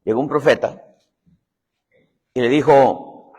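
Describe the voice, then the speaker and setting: A man's voice: medium pitch, takes it slowly, darkish tone, husky. A man preaching a sermon and telling a story, acting out the people in it as he goes. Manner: dramatic storytelling, voicing characters in quotes. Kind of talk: sermon with acted-out anecdote. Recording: long hall reverb.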